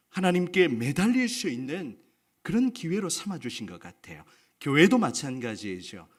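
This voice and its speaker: A male pastor preaching a sermon, earnest and putting questions to the congregation. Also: on the high side.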